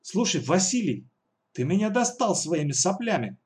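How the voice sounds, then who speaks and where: A man voicing a cruel, bossy adult woman kidnapper who shouts threats. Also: on the high side, lively intonation, normal speed, voice pushed up, lightly acted. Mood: exasperated.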